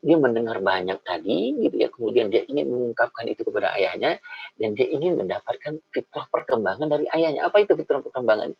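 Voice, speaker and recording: A middle-aged man with a gravelly, husky voice talks to parents in a relaxed, conversational way. He swings his tone up and down, slipping into short impressions of children and parents. The recording sounds dull and lo-fi. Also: medium pitch, quick pace, no echo. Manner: lively, acts out child and parent voices, addresses mothers often. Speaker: parenting speaker. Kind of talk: informal talk to parents.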